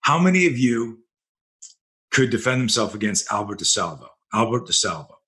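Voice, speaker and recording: A man's voice: fairly low pitch, sing-song, normal speed, pushed and bright. A man telling blunt, profane stories as a self-defense instructor on a podcast. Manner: blunt, profane, vivid storyteller. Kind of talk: storytelling in a podcast interview.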